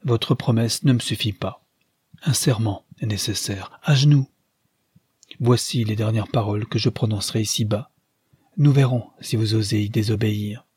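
A man's voice: on the low side, moderate pace, darkish tone, husky, dry recording, clean studio sound. A man reading the part of a dying former tragic actress who gives commanding, theatrical orders in a storybook reading. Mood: imperious.

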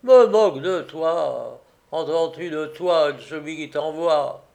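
A man voicing a gruff, defiant poor woodsman who shouts threats in a read-aloud story. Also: on the high side, unhurried. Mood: furious. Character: gruff, furious poor old Polish woodsman.

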